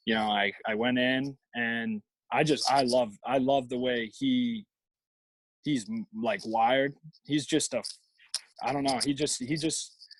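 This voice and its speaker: A man's voice: mid-range voice, fairly even intonation, measured pace, no room sound, low-quality recording. A young man, a college baseball player, telling stories as a guest in a casual interview, rambling with frequent restarts. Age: young adult. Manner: rambling, lots of fillers and restarts.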